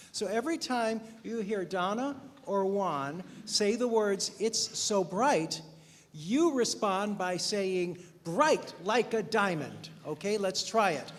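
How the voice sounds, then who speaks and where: A man leading worship and narrating a Christmas story to a congregation, in an upbeat, coaxing, playful manner. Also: high voice. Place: church sanctuary. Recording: reverberant church hall with faint noise.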